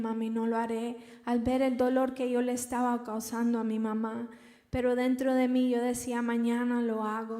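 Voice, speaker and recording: Woman, personal religious testimony, emotional, halting, flat pitch, long echo. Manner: emotional, halting with repeated words. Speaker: testimony speaker. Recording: echoey room with long reverb.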